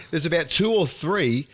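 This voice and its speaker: An Australian man with a slightly higher speaking voice talks sport in a casual podcast chat. He is blunt and heated and swears freely as he vents. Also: animated, a little slow. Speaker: podcast host.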